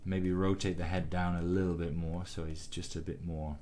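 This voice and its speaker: A man teaching animation, giving a calm, encouraging critique of a student's shot with frequent ums and restarts. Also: deep voice, normal speed, slight background noise. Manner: calm, encouraging, many fillers. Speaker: animation instructor. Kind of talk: recorded critique of student work.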